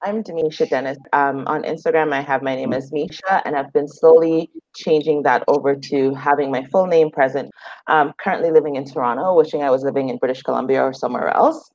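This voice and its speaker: A Jamaican woman, founder of an outdoor group, answers interview questions relaxedly and casually, with frequent fillers. Her low voice is brisk and darkish, with no echo, and the remote audio sounds dry and a little dull.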